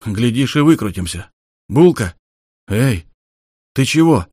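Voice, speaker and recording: A man reading an audiobook, voicing a tough male investigator who talks gruffly and swears. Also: lowish voice, animated, normal speed, no echo, studio quality.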